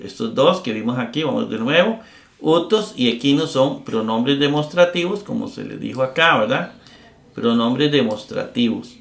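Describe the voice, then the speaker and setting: A man's voice: medium pitch, gravelly, fairly bright tone, echoey room. A middle-aged man teaching a grammar lesson, explaining patiently with many fillers and tag questions. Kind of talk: recorded lecture.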